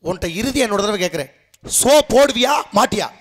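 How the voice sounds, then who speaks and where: A man's voice: very high-pitched, quick pace, fairly bright tone. A man playing the sage Narada on a Tamil folk stage, lecturing through rhetorical questions. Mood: insistent. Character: sage Narada, older man, lofty and needling. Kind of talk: Tamil street-theatre stage dialogue.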